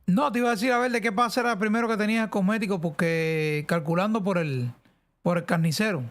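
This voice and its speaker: A man's voice: high-pitched, fast, a bit bright, faint music behind. A man with a central Cuban accent, chatting casually and rambling on a live game stream. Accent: central Cuban Spanish. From central Cuba. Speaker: streamer host.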